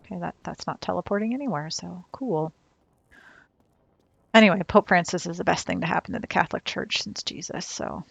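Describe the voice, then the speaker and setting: A woman's voice: on the low side, fairly quick, vocal fry, husky, lo-fi sound. A woman streaming a video game, chatting wryly and talking back to the game as she plays. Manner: chatty, wry, talks to the game. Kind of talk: casual chat while gaming.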